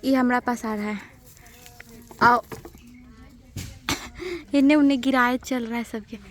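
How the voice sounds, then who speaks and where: A woman's voice: a little high, fairly even intonation, a little slow. A woman from Bihar with a Bihari Hindi accent, chatting casually in her village vlog and calling out to animals. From Bihar, India. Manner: chatty, coaxing animals with repeated calls. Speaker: vlogger. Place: village outdoors, then in an auto-rickshaw.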